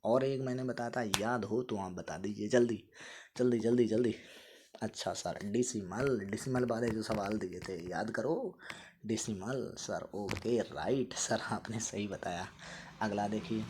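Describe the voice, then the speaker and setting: A man teaching vocabulary with memory tricks, playful and animated, acting out little scenes and answering for his students. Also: lowish voice, slight background noise.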